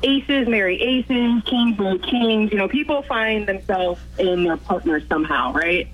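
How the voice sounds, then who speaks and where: A woman's voice: medium pitch, a little slow, lo-fi sound. A woman calling into a radio show, explaining her view confidently and emphatically. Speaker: radio caller. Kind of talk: call-in radio chat.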